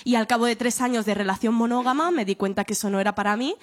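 A young woman talks openly in an interview, her voice sitting fairly high. She is candid and lively, swears without fuss and laughs as she tells her stories. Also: fast. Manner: frank and expressive, swears freely, laughs while telling stories. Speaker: guest, journalist and author.

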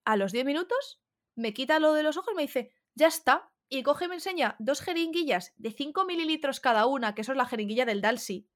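A young woman co-hosts a casual podcast chat. Her voice sits high and she rattles along at a rapid clip. She tells stories with animation and swears freely. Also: animated. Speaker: podcast co-host.

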